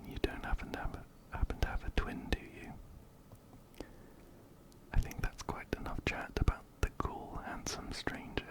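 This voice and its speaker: In an ASMR gameplay session, a streamer and ASMR creator keeps his voice to a soft whisper, lips near a close-up binaural mic that goes ear to ear. Taking his time, he reads the dialogue out loud, saying some phrases more than once.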